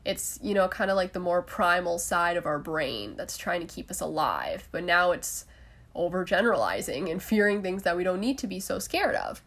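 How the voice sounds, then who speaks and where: A woman's voice: lowish voice, big pitch swings, moderate pace, a bit bright. A young adult woman hosting a solo podcast in a casual, chatty way, with frequent laughs and fillers. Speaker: podcast host.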